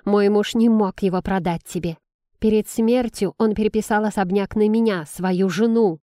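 A woman reading an audiobook voices a scheming widow who hisses threats and turns shrill. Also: steady tone, moderate pace, mellow, no echo, studio quality, lightly acted. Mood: hissing.

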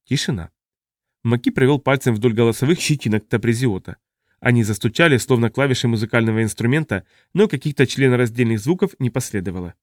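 A man's voice: medium pitch, fast, no room sound. Man narrating an audiobook, dry sound.

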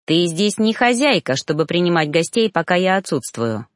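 A woman voicing a proud male reaper who gives curt, harsh orders in a lowered voice. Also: big pitch swings, moderate pace, dry recording, studio quality. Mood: cold harsh.

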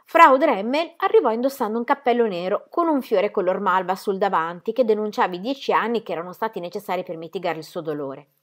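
Woman narrator, measured audiobook reading of a novel, calm and expressive. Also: medium pitch. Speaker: reader of a novel.

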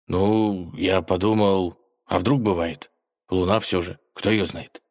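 A nervous male wolf who chatters on and frets out loud, played by a man. His voice stays near the reader's own low male tone, slow and hesitant at times. A storybook sidekick, more worried than fierce. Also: steady tone. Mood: uneasy. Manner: fretful, rambling, slow.

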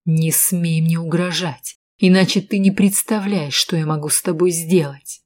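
A woman's voice: on the low side, fairly even intonation, moderate pace, natural voice. A woman reading an audiobook, voicing an irritable hard-drinking man who hisses threats through his teeth. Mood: angry, menacing.

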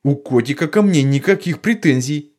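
A bumbling, good-natured father rambling sheepishly in a storybook, as a male narrator plays him. The delivery is lively and bouncy, only a little above the reader's own voice. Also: a little high, normal speed, voice pushed up.

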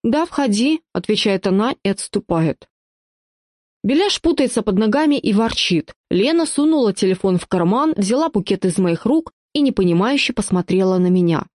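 A woman reading first-person audiobook narration with lively storytelling. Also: mid-range voice, moderate pace, no room sound, studio quality.

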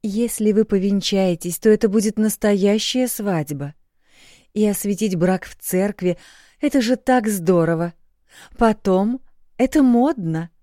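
A cooing older mother-in-law, persuasive and fond, read by a woman. Mellow tone, dry close sound. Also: mid-range voice, unhurried, dry recording, voice pushed up, close to an everyday voice.

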